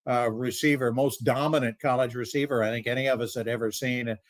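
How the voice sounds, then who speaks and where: A man's voice: medium pitch, steady tone, quick pace, dry recording. An older man on a sports panel, telling stories from his years covering the game, with many fillers. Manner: storytelling, knowledgeable, hesitant fillers. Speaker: sports talk panelist, former anchor. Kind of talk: casual sports banter.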